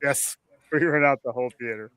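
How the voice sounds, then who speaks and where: A man's voice: medium pitch, fairly quick, fairly bright tone, clear, resonant tone, dry recording. Chatty man hosting a livestream. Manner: friendly, chatty, laughs easily. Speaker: podcast host. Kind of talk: casual livestream chat. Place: home room during a storm.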